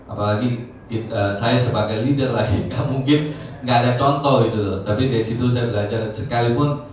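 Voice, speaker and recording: A man in his forties, a church leader, tells a personal testimony in a conversational way, full of fillers and growing animated as he retells events. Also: medium pitch, brisk, slight background noise. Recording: echoey hall, mic far off.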